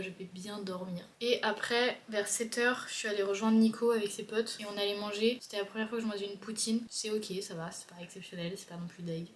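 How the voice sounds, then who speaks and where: A woman's voice: medium pitch, slight background noise. A woman of twenty chatting casually to her camera in a rambling vlog, full of fillers. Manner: chatty, rambling, many fillers like genre and euh. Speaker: vlogger. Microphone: handheld compact camera mic.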